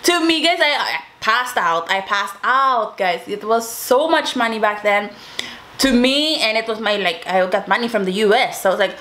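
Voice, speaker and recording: A young adult woman tells viewers a personal story in a chatty, informal YouTuber style, calling them "guys." Her voice is a little high with a sharp tone, and she speaks at a moderate pace.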